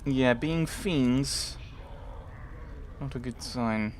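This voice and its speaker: A man's voice: medium pitch, very slow, a little hiss or hum. A man doing casual game commentary, thinking aloud in muttered asides and reading bits of game text. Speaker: let's player.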